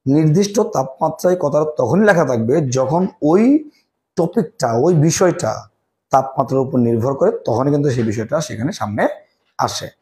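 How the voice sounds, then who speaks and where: Male chemistry tutor, mellow, dark tone, self-answering quiz style. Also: mid-range voice. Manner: asks questions and answers them himself, repeats key terms. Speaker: chemistry teacher. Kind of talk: classroom lecture.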